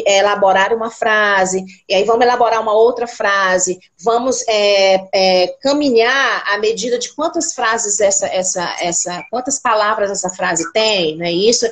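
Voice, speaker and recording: Brazilian woman teacher, patient and didactic, spells out sounds. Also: medium pitch. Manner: didactic, repeats words slowly, asks rhetorical questions. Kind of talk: explaining classroom activities.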